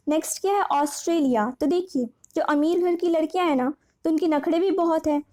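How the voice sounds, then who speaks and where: A woman's voice: very high-pitched, a little mellow. A woman teaching memory tricks for an exam, chatty and repetitive, asking questions and answering them herself.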